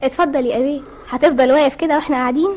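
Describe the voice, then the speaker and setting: A woman's voice: high voice, fairly even intonation, very fast, lo-fi sound, natural voice. An actress with an Egyptian accent playing a loving, worried sister coaxing her brother in a radio drama. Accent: Egyptian Arabic. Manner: coaxing, concerned.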